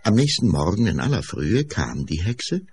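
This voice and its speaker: A man narrating a fairy-tale radio play in a slow storytelling manner. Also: low-pitched, music in the background. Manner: slow, storytelling, lively emphasis.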